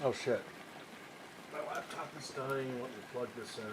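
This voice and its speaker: A young man talks over a game stream at a desk mic, his pitch sitting in the middle range for a man. He sounds tired and low-key, rambling and trailing off while he chats with viewers. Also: moderate pace, background noise. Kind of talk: casual game stream commentary, reading dialogue aloud.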